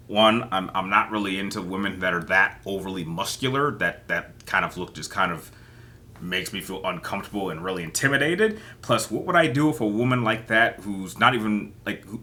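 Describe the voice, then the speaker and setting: Bright-voiced man rambling through kiss-marry-kill picks. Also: on the low side. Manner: rambling, hesitant, often repeating words. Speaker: host. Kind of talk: casual solo chat, playing kiss-marry-kill with fictional characters.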